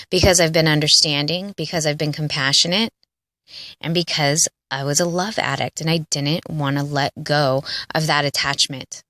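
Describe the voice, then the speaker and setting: A woman's voice: on the low side, a bit bright, dry recording. A woman in her late thirties giving an earnest, confessional personal monologue for her audio blog, rambling with frequent "like" and "you know". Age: late 30s. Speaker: audio blogger.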